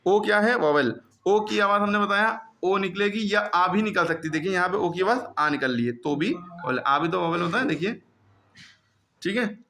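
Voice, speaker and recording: A man's voice: sits high, normal speed, pushed and bright, a little hiss or hum. A man teaching a classroom grammar lesson, who keeps repeating questions to his pupils.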